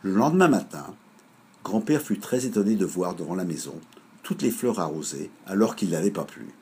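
A man reading a children's story aloud in a measured, lively way. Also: deep voice, husky.

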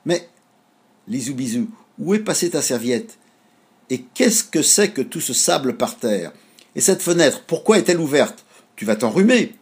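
A man voicing a worried mother in a storybook, with a husky voice and a scolding, questioning manner. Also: mid-range voice, sing-song, normal speed, a little mellow, voice pushed up. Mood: fussing.

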